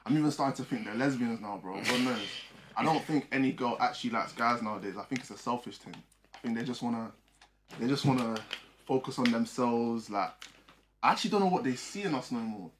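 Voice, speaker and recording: A man's voice: medium pitch, a little fast. A young man hosts in a London roadman accent, bantering casually in street slang. His voice sits in an average male register. There is slight noise in the recording. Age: young adult. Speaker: podcast host.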